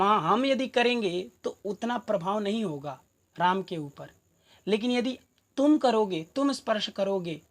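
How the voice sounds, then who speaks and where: A woman teaching a Sanskrit play, reading each verse slowly and then explaining it in plain talk, often asking rhetorical questions. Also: mid-range voice.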